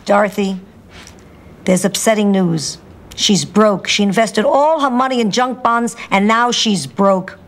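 A woman's voice: mid-range voice, unhurried, lightly acted. An older actress playing a tart, sly elderly mother. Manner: deadpan wisecracking. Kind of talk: studio sitcom acting. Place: sitcom kitchen set. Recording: noisy 1990s TV sitcom audio.

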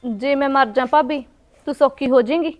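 A woman's voice: high voice, moderate pace, close to an everyday voice. A woman acting a mistreated young widow who answers her brother and sister-in-law meekly, then in despair. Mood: bitter. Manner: meek, pleading, desperate. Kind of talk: amateur village short-film acting.

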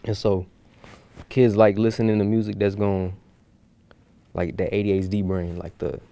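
A young man from Houston talks in a loose, rambling way as a guest musician on a talk show. His voice is fairly low. The recording is dry, with little room sound. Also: level tone, normal speed, vocal fry, warm tone, no room sound. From Houston, USA. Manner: rambling, loose, with many fillers. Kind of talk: casual chat.

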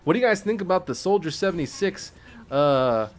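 A man's voice: sits high, brisk, soft background music. Tipsy, slangy male gaming streamer. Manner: laid-back, slangy, swears, bursts into excited yelling at play. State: tipsy from drinking. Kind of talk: casual gameplay commentary.

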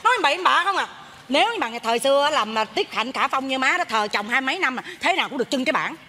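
A woman playing a mother in a live stage comedy sketch, loud and animated, often complaining. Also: high voice, very fast, slight background noise. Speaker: comic actress playing a mother.

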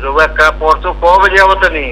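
Speaking in a Bihari accent, a man acts as an office clerk on a casual official call and keeps questioning insistently. He has a slightly high voice with a sharp tone, fairly even intonation, and a moderate pace. There's noise and humming throughout the recorded phone line.

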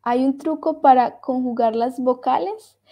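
A woman with a fairly high voice leads a French lesson, explaining in Spanish and switching back to French. She talks at an unhurried pace. She says tricky words over and over, so her students can hear each sound. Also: warm tone. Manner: slow, repeats words to drill pronunciation. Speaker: French teacher. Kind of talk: online language lesson.

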